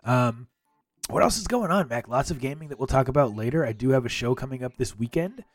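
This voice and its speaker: A man's voice: medium pitch, expressive, fairly quick, no room sound, studio quality. Upbeat man hosting with announcer-style hype. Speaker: podcast host. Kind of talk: upbeat video game podcast hosting.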